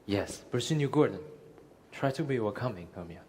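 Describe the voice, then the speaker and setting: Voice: medium pitch, expressive, brisk, a little mellow, lightly acted. A student actor playing an imperious older mother in mourning, speaking grandly on a theater stage. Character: grieving haughty mother, older woman. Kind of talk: live student theater acting. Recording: echoey stage hall, faint noise.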